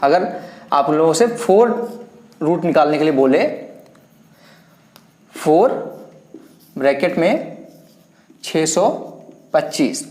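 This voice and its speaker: Hindi maths teacher in an echoey room. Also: male voice, fairly high pitch, lively intonation, takes it slowly, long pauses, a little mellow. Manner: talks students through each step, counting aloud while writing. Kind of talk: whiteboard maths lesson. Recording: roomy echo.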